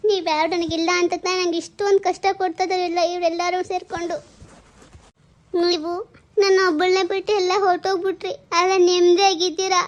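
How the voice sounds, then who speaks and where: A woman's voice: very high-pitched, lo-fi sound. A woman playing a suffering young wife. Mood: sorrowful. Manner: tearful laments, turns sharp and scolding.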